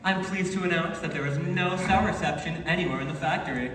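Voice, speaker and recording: A man's voice: fairly high pitch, fairly quick, fairly bright tone, a little hiss or hum, natural voice. A man playing an eccentric, courtly chocolate factory owner on stage, with wry, teasing and dryly insulting politeness. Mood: sly, teasing. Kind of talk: stage musical theatre acting. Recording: echoey hall, distant microphone.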